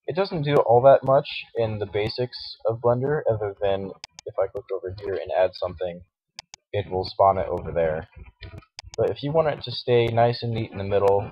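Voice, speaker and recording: A man with a groggy morning voice, talking through a software tutorial casually and hesitantly, with many fillers and restarts. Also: fairly low pitch. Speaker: tutorial host. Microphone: cheap computer microphone. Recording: dull lo-fi mic with faint hiss and mouse clicks.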